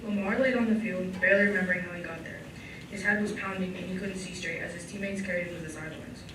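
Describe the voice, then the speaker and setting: A woman's voice: fairly low pitch, steady tone, fast, background noise. A woman reading scripted narration for a stage play. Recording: echoey hall, distant, loud music behind.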